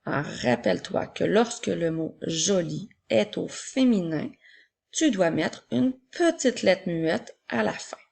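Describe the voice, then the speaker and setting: Slow, gravelly-voiced woman teacher dictating. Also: on the low side, animated, a little mellow. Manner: slow, clear dictation, repeating each word. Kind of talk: spelling and dictation lesson for young children.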